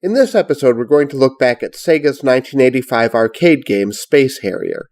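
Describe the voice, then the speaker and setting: A middle-aged man, giving scripted, measured and precise review narration as host of a retro gaming show. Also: mid-range voice, lively intonation, darkish tone.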